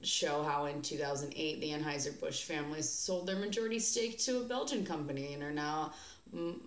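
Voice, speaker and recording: A woman's voice: low-pitched, a little fast. Sarcastic American woman, echoey room. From United States. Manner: sarcastic, chatty, with frequent fillers and restarts. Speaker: beer vlogger host. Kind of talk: casual commentary vlog.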